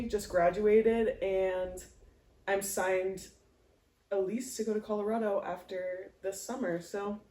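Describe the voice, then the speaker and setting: A woman's voice: fairly low pitch, darkish tone, far from the mic. A woman, a guest in a casual chat, bubbly and laughing a lot. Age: 20s. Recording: roomy room sound.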